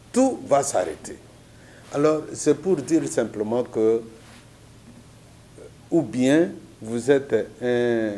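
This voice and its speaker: A man's voice: medium pitch, dark tone. A man from Congo giving an earnest, preacher-like political commentary in an interview, making his points with parables and biblical examples.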